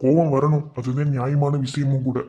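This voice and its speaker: A man's voice: medium pitch, flat delivery, normal speed, warm tone, dull audio, natural voice. A man voicing a caring village elder brother in a cartoon, speaking with a Madurai Tamil accent in an earnest, consoling way. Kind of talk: cartoon voice acting.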